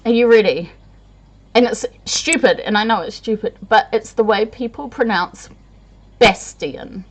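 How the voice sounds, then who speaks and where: A woman's voice: medium pitch, muffled recording. A tired woman chatting to camera in a rambling, self-deprecating way, laughing often. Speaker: vlogger. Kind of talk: casual chat to camera.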